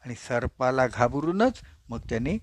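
A man giving a religious discourse, telling a parable in an animated way and acting out the dialogue. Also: medium pitch, a little slow, no echo. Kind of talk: storytelling sermon.

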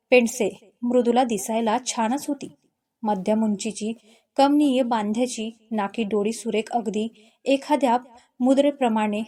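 Mellow high-voiced woman storyteller. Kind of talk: scripted story narration.

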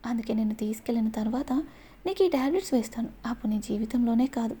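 A woman's voice: a little high, fast talker, dark tone, husky. A woman voicing an obsessive, scheming young man who gloats over his plan. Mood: menacing. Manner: menacing, gloating.

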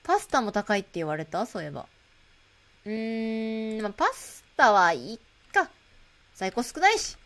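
A woman streaming a shop management game, chatting casually to herself and greeting customers in a bright shop-clerk voice. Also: on the high side, very animated, normal speed. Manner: chatty, playful, talks to herself while playing. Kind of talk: casual gameplay commentary.

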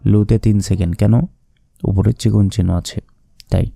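A man teaching Quran reading, spelling out each letter and vowel mark, then reciting the verse slowly and drawn out. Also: fairly low pitch, steady tone, gravelly, warm tone, dry recording.

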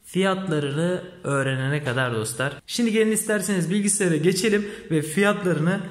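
A man's voice: high voice, normal speed. A man hosting a hobby channel, talking casually to camera from a small empty room in his new home, his voice echoing off the bare walls, and he keeps calling the viewers his friends. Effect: echo of an empty, bare room. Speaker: hobby DIY channel host.

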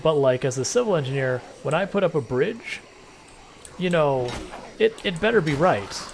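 A male game streamer keeps up a rambling, joking, conversational chat during his livestream. His voice is a little high, expressive and creaky, delivered at normal speed with slight background noise.

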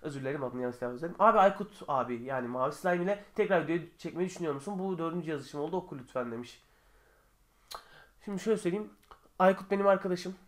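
A young man answering viewer questions in a casual vlog from his bedroom, chatty and joking, sometimes getting heated. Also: a little high. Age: young adult. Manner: chatty, joking, quick shifts between calm and heated.

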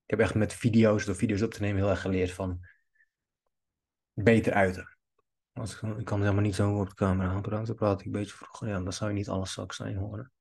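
A man's voice: on the low side, flat delivery, a little fast, creaky, a little mellow, husky. A man giving a video editing tutorial, talking in long rambling asides while he clicks through cuts at his computer. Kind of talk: screen-recorded editing tutorial commentary.

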